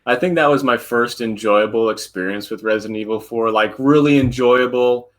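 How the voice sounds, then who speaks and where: A man's voice: mid-range voice, moderate pace, low-quality recording. A man in his thirties co-hosting a podcast, chatting casually and rambling through stories. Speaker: podcast co-host. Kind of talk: casual chat.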